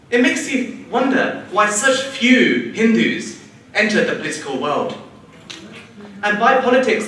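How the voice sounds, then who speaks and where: A young man from the United Kingdom giving a prepared, rhetorical conference speech with measured repetitions. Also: sits high, fairly bright tone, slight background noise. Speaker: conference panelist, local election candidate. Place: large conference hall. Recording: distant, echoey hall.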